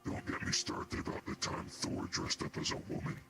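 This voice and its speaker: A man casually explaining old myths to friends, slow and rambling with pauses to find his words. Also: a bit bright, soft background music.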